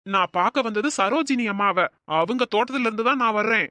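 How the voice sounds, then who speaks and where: A woman voicing a blunt, stubborn village gardener man in a cartoon, talking in gruff, blunt retorts. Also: a little high, brisk, sharp tone, no echo. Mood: cranky. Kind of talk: cartoon voice acting.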